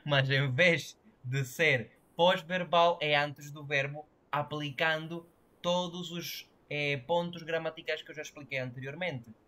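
A man's voice: on the high side, fairly even intonation, a little slow, bright, forceful tone. A man teaching a language class online, explaining grammar and often checking that students follow. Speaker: Portuguese teacher.

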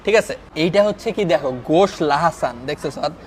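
A young man hosting a food review vlog in a restaurant, talking excitedly and emphatically, often asking "okay?". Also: fairly high pitch, fast talker, crowd noise. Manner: excited, emphatic, keeps asking "ঠিক আছে?". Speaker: food vlogger. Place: restaurant dining room.

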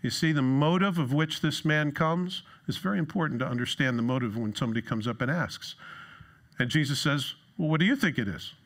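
A middle-aged man preaching from a church stage, lively and sarcastic, jumping into a higher voice when he quotes someone. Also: fairly quick. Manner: lively, jumps into a high voice for quoted lines. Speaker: pastor. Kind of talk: sermon.

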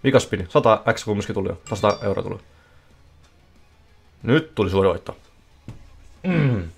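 A man streaming casino slot games live, giving excitable running commentary that bursts into yelling at big wins. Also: lowish voice, vocal fry, breathy edge. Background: faint music playing.

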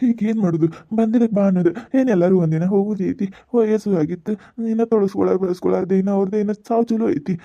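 A woman voicing an older uncle in a cartoon who quickly soothes his grieving nephew, with a North Karnataka Kannada accent. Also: mid-range voice, steady tone, gravelly, mellow, dry recording, natural voice. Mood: soothing. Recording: dull lo-fi audio.

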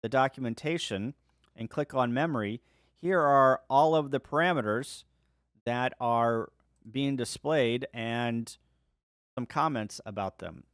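Man giving a dry-sounding software walkthrough. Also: mid-range voice, measured pace, no echo. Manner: relaxed step-by-step walkthrough. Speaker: ham radio video host. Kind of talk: screen-share software tutorial.

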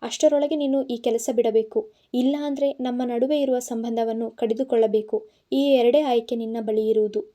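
A woman's voice: fairly high pitch, steady tone, moderate pace, mellow, natural voice. A woman reading the part of an angry, protective young man in an audiobook, scolding and insistent. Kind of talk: audiobook narration.

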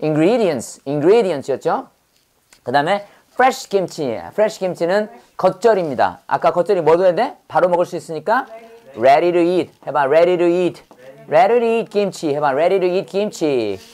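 A woman with a fairly low voice runs a brisk vocabulary lesson. She drills words through call-and-response and repeats each term again and again. Her quick questions keep the students answering. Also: lively intonation, warm tone. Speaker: English vocabulary teacher.

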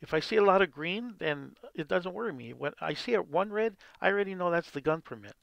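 A man's voice: high voice, animated, a little fast, vocal fry, no echo, dull audio. A man hosting a gameplay video, explaining casually and rambling as he plays. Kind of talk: casual game commentary.

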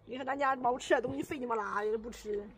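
A woman's voice: fairly high pitch, fast, a crowd in the background. A woman with a Northeastern Chinese accent chatting casually outdoors in an earthy, blunt way. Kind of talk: casual chat. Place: outdoors at a house doorway. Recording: noticeable outdoor background noise.

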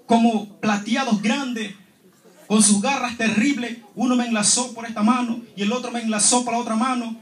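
A man giving a fervent testimony in church, repeatedly addressing the congregation as his holy brothers. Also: very high-pitched. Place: church hall. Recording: echoey church hall.

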